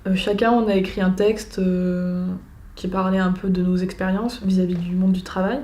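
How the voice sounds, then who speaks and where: A young woman giving a personal testimony, pausing often and searching for her words. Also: mid-range voice, little pitch movement, warm tone. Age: young adult. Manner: hesitant, many filler pauses. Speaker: young program participant. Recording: echoey room with faint noise.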